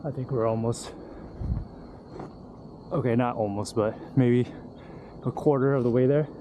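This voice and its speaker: Out on a hiking trail, a young man vlogs casually as he climbs, breathless and candid with his camera. He speaks in an unhurried, mid-range voice with fairly even intonation, and outdoor background noise comes through clearly.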